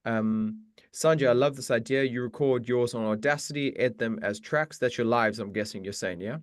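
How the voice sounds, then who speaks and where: With a medium-pitched voice at a moderate pace, a man chats through a live-stream Q and A for meditation teachers, encouraging and casual, frequently starting his sentences over. The sound is clean studio quality with no room echo.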